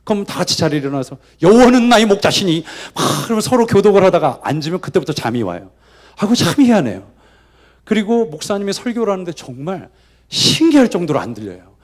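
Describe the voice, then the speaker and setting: A male guest preacher gives a lively storytelling sermon in a church. His fairly high voice swings widely in pitch as he acts out the people in his tale. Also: fast. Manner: animated, acts out quoted voices. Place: church sanctuary.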